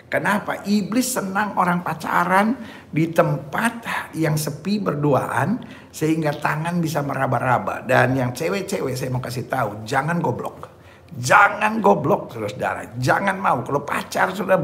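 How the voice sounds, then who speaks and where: A man's voice: fairly high pitch, vocal fry, slight background noise. A man preaching a sermon, emphatic, often asking his listeners "ya kan?" and calling them "saudara-saudara". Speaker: pastor. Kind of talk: sermon on dating.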